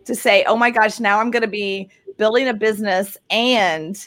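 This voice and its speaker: An upbeat woman hosts a casual interview over a video call. Her voice sits in a middle pitch, and she talks in long, quick, encouraging runs. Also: a bit bright. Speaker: podcast host.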